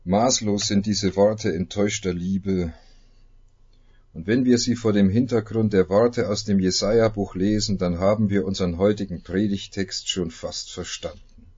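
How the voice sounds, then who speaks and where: A man preaching a sermon, opening with a dramatic reading full of long pauses. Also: lowish voice, fairly even intonation, a little mellow, husky, muffled recording. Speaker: pastor.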